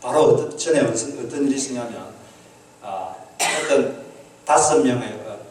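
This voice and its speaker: A man's voice: medium pitch, animated, moderate pace, crowd noise. A man preaching a sermon as pastor, earnestly asking the congregation questions and acting out quoted prayers. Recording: echoey hall, mic at a distance.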